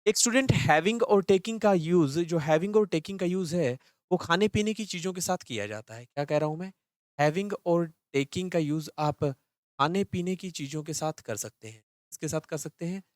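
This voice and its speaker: A young man teaching an English grammar class live online, talking fast and repeating questions back to the students. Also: fairly high pitch, no room sound, studio quality.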